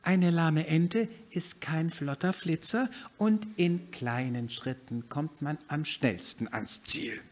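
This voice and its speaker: A man's voice: fairly high pitch, takes it slowly, hardly any pauses, pitched above the performer's own voice. A man doing a fussy, pedantic lame duck. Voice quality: raised, fussy and prim. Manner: pedantic, cautious, long-winded. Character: lame, cautious duck on a walking stick, fussy and slow.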